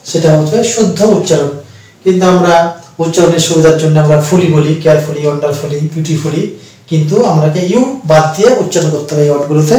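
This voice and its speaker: A man teaching English pronunciation, speaking slowly and repeating words syllable by syllable as he explains. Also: on the high side, warm tone. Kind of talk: pronunciation lesson. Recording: echoey room, mic far off.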